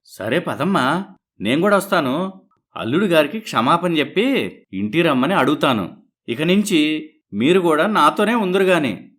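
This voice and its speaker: A man's voice: fairly high pitch, lively intonation, normal speed, pauses often, a bit bright. A man voicing a loving, wealthy middle-aged father in a cartoon story, emotional and pleading with his daughter. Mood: gentle, fond. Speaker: father character.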